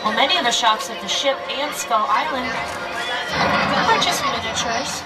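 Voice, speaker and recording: A woman tram tour guide giving an upbeat, playful scripted narration to riders, heard through an outdoor tram loudspeaker. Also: a little high, expressive, moderate pace, over loud music. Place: open-air studio tour tram. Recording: distant outdoor loudspeaker with crowd and vehicle noise.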